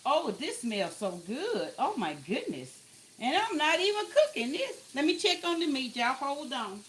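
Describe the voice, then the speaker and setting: A woman's voice: high voice, very animated, measured pace, fairly bright tone, a little hiss or hum. A woman chatting casually to her viewers while cooking in her home kitchen. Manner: chatty, talks to viewers as "y'all", exclaims over the food. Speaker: cooking vlogger.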